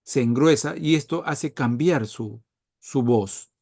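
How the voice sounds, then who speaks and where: A man lecturing on medicine at a mid pitch, his voice close and dry with almost no room sound. He keeps checking on his listeners with tag questions and leans hard on key terms. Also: slow pace, dry recording. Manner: frequent tag questions, animated emphasis.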